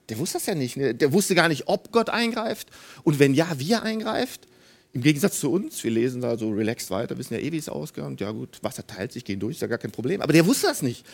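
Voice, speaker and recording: Preacher, sermon, husky voice, animated pitch, emphatic, repeats phrases, addresses congregation. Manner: emphatic, repeats key phrases, "hey" interjections; talks directly to the congregation.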